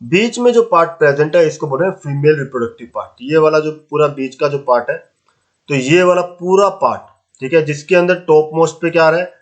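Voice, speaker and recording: A man's voice: on the high side, a little fast, dull audio. Male teacher, question-and-answer style. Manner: asks rhetorical questions and answers them himself; mixes English terms into Hindi speech, casual and encouraging. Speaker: science teacher. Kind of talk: classroom lesson explaining flower parts.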